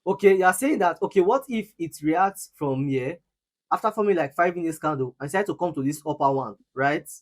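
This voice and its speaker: A man's voice: on the high side, animated, brisk. Emphatic man coaching traders. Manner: emphatic, repeats words, teasing laughs. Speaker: forex trading coach hosting live session. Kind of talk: live online trading lesson with Q&A.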